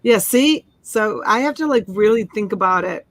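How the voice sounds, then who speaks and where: A woman's voice: mid-range voice, lively intonation, normal speed, dry recording. A middle-aged woman from Boston with a Boston accent, chatting casually and playfully as co-host of a live show. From Boston, United States. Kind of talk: casual chat.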